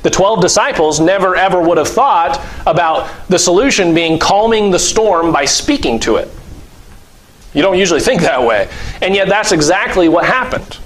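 Man preacher, high-pitched, chatty delivery with frequent fillers. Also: normal speed, rough recording. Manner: acts out scenes with lively voices and laughs; conversational, uses many fillers. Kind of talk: sermon.

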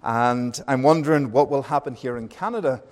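A Northern Irish man in his thirties preaches a sermon at a mid pitch. He talks in an unhurried, friendly way and often pauses on small fillers. His voice rings out with the long reverb of a large church hall. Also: a little mellow. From Northern Ireland. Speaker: pastor.

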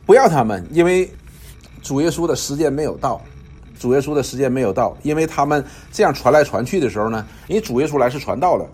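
A man's voice: mid-range voice, animated, quick pace, darkish tone, husky. A man teaching a Bible study in a conversational, explanatory way, often repeating phrases and using filler particles.

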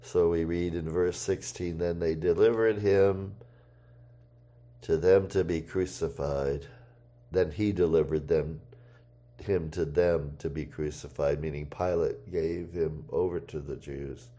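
A man preaching a sermon, reading scripture aloud and rising in voice for the quoted shouts. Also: sits low, fairly even intonation. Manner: slow, deliberate delivery with pauses and fillers.

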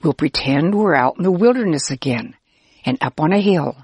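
A woman narrating a children's pretend Bible story, gentle and expressive, speaking as both herself and the listener. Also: low-pitched, moderate pace, breathy edge, no room sound.

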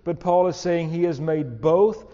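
A man preaching an expository sermon, slow and emphatic, rising on key words. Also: fairly high pitch, mellow, in a large hall, highs cut off.

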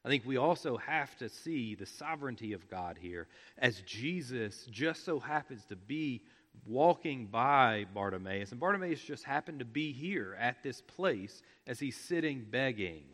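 A man preaching a sermon, explaining scripture with emphatic repetition, at times dropping to a hush. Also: mid-range voice, lively intonation, a little slow. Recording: long reverb of a large hall.

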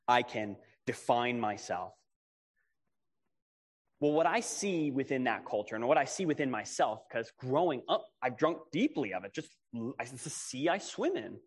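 A man with a big, projecting, husky voice preaches a conversational sermon at normal speed, with medium pitch and lively intonation. He's casual and self-deprecating, often posing rhetorical questions. The large room gives the recording a reverberant, hall-like sound.

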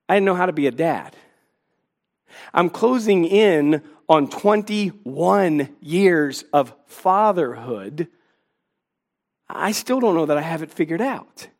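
A man's voice: high-pitched, a bit bright. A man in his forties, a pastor, preaching a sermon in an earnest, emphatic way with self-deprecating asides, in a church. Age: 40s.

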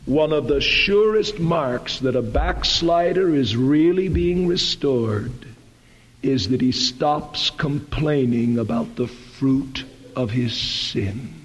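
A man's voice: medium pitch, animated, slow, lo-fi sound, faint music behind. A man pastor preaching a sermon during a Sunday service, earnest and emphatic, pressing his points hard. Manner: earnest, emphatic preaching that swells into loud appeals. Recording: long church-hall reverb.

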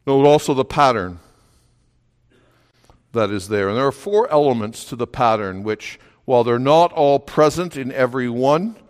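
A man preaching a sermon as pastor, steady in places and building to emphatic, raised delivery. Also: medium pitch, moderate pace. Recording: long reverb of a hall.

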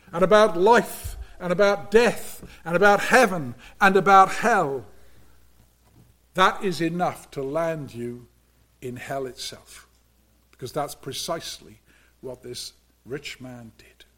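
High-voiced, slow, earnest male preacher. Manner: earnest, emphatic preaching with sudden hushed drops. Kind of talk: sermon.

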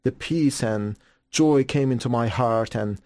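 A man's voice: medium pitch, a little slow, darkish tone, no room sound. Man, earnest testimony, dry close mic. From Iran. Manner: earnest, fervent storytelling with stammered restarts. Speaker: guest evangelist. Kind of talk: testimony in an interview.

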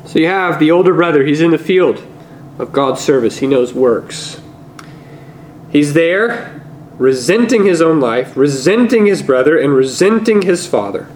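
A man delivers a sermon in a church, his voice a touch higher than most. He preaches earnestly, slows down to stress key words and pushes hard with rhetorical questions. Faint background noise sits under the voice. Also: expressive, a little mellow, low-quality recording. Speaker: pastor.

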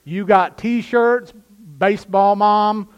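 A male pastor preaching a sermon, swinging from loud bursts to quiet asides. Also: sits high, fairly even intonation, takes it slowly, clear, resonant tone, lo-fi sound.

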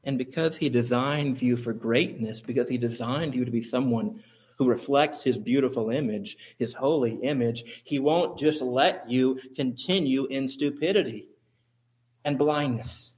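A man's voice: medium pitch, measured pace, darkish tone. A man preaching a sermon as pastor, using emphatic, repetitive phrasing.

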